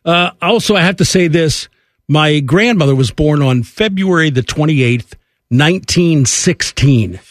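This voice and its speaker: A man's voice: fairly high pitch, expressive, a little slow, no room sound. Casual man co-hosting radio, dry sound. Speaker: sports radio co-host. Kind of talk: casual anecdotal chat.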